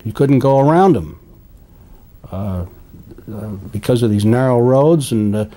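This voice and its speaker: Old guy, war veteran remembering stuff in an interview, soft mellow voice, lots of pauses and stops. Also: medium pitch, animated. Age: elderly. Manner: old veteran remembering, halting and deliberate with long hesitations. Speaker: WWII veteran being interviewed. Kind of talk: interview recollection of war experiences.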